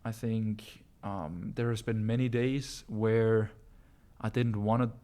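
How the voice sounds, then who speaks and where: During a relaxed live-stream Q&A, a Danish man coaching his viewers in English, his second language, speaks slowly in a low, mellow voice with a steady, level tone. His style is casual, full of ums and uhs, and he calls listeners bro.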